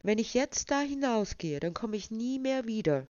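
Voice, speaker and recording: A woman voicing a haughty, spoiled young fiancée, scornful and shrill, in a dull, dry recording. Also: expressive, moderate pace, dry recording, lightly acted.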